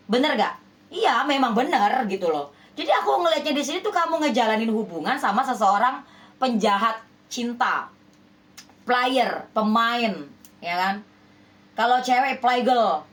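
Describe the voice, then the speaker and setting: High-voiced woman giving an emphatic reading. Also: fairly bright tone. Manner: emphatic, repeats rhetorical questions like "ya kan?"; scolding, persuasive. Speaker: spiritual healer giving love readings. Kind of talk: direct address to viewers, relationship reading.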